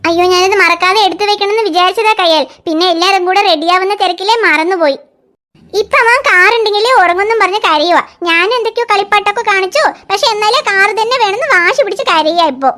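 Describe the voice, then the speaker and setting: A woman's voice: extremely high pitch, quick pace, pushed and bright. A woman voicing a young cartoon mother who coaxes and soothes her crying toddler in a fretful, sing-song way. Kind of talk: cartoon dialogue.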